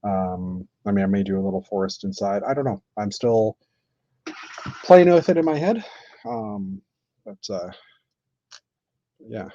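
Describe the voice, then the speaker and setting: A man chatting casually on a live stream while building, thinking aloud with many pauses and fillers. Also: lowish voice, mellow, no echo. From Canada. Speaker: streamer building with toy bricks. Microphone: computer mic on live stream. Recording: dull lo-fi stream audio.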